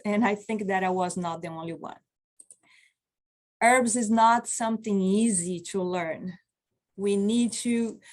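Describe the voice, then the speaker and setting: A woman in her forties, a non-native English speaker and medicine practitioner, teaches an online continuing-education lecture over a video call webcam from a small office. Her medium-pitched voice is slow, earnest and encouraging, and she reads out chat replies.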